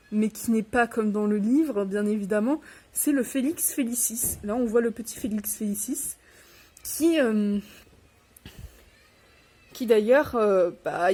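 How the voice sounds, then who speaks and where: Slightly sick, a young vlogger rambles through a casual chat while unboxing books, with self-deprecating remarks here and there. Her voice is on the high side and mellow.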